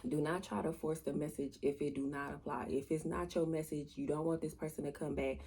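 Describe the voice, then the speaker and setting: Low, gravelly, monotone woman. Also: a little fast, a little hiss or hum. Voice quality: raspy, gravelly. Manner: monotone, matter-of-fact delivery. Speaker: tarot reader hosting a channel. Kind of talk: casual chat to viewers.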